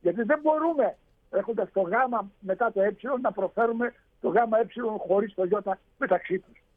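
A man's voice: high-pitched, no room sound, narrow, tinny audio. A man explaining Greek pronunciation on a radio show, hesitant, with many fillers and restarts. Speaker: radio show guest speaker on Greek language.

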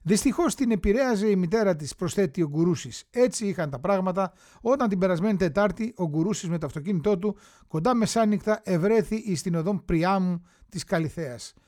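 A man's voice: sits high, dark tone, no room sound, clean studio sound. A man reading an old newspaper story aloud, acting out the quotes and dropping wry, chatty asides to his listeners.

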